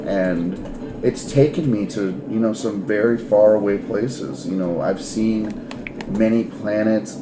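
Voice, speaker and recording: A man voicing an older female performer who speaks gently, slowly and earnestly. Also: lowish voice. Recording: roomy echo with music behind.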